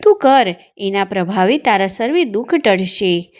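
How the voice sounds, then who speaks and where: A woman's voice: mid-range voice, lively intonation, a little slow, close to an everyday voice. A woman voicing the god Shiva, male, wise and commanding, in a devotional tale, speaking with authority as he instructs.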